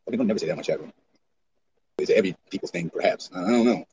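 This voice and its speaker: A man's voice: on the low side, rapid-fire, darkish tone, dull audio, slight background noise. A man livestreaming in casual, rambling chat, often profane.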